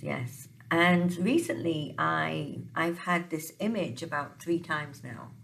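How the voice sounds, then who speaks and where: A woman's voice: fairly low pitch, gravelly, a bit bright, a little hiss or hum. A woman talking casually at home about her dreams, hesitant and full of ums and restarts. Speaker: tarot reader sharing dream interpretations. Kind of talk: casual monologue. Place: home, dog nearby.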